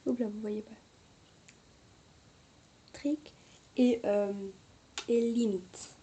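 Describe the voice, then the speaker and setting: A woman's voice: fairly high pitch, fairly even intonation, extremely slow, dark tone. Chatty French-speaking woman reviewing makeup. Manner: chatty, hesitant, apologizing often. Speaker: beauty vlogger.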